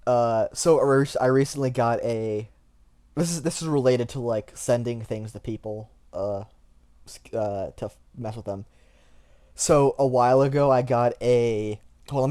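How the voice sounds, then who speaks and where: A man's voice: medium pitch, a little mellow. A man co-hosting a podcast in casual chat, with a dry, joking delivery. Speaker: podcast co-host.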